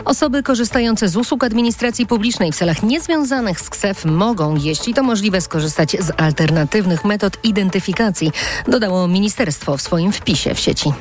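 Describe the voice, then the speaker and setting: A woman's voice: mid-range voice, expressive, a little fast. A woman presenting radio news, reading scripted bulletins.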